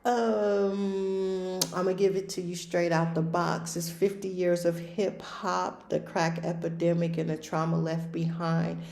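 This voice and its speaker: A woman's voice: on the low side, little pitch movement, unhurried, gravelly, darkish tone, reverberant, a little hiss or hum. A woman in her fifties, a recovery life coach hosting a podcast, talking plainly and directly in casual conversation. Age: 50s.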